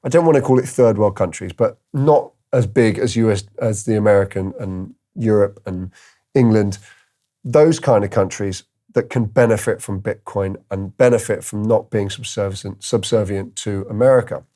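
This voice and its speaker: A man's voice: lowish voice, moderate pace, dark tone. A man hosting a crypto video, giving casual commentary and thinking aloud with fillers and restarts. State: tired, yawning.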